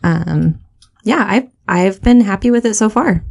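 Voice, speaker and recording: Brief: woman co-host, mid-pitched, rambling casual storyteller. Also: animated, a little slow, gravelly, darkish tone. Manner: rambling, many fillers and restarts. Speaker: podcast co-host.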